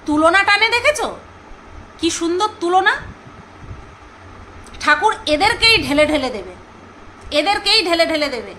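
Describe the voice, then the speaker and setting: A woman chatting casually to her viewers, gossipy and talkative, often pausing to search for names aloud. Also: very high voice, sing-song, pushed and bright, a little hiss or hum, poor audio. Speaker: vlogger reviewing a serial.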